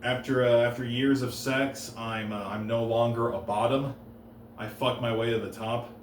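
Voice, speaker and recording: A stand-up comedian on a comedy stage delivers dry, deadpan one-liners, pausing and stumbling a little before each punchline. His voice sits at an ordinary middle pitch and rings through a roomy live space, picked up from a bit back with faint room noise behind him.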